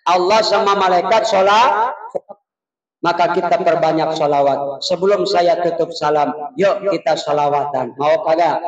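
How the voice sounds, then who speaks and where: A male preacher giving a humorous, folksy Maulid sermon in a mosque. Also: on the high side. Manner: joking, folksy, drawn-out religious phrases. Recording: echoey, dull, distant mosque PA.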